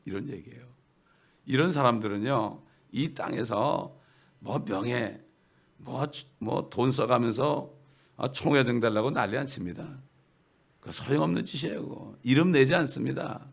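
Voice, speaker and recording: A man's voice: medium pitch, normal speed, gravelly. A man preaching a sermon as pastor, asking the congregation questions, answering them himself and repeating key phrases for emphasis. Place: church.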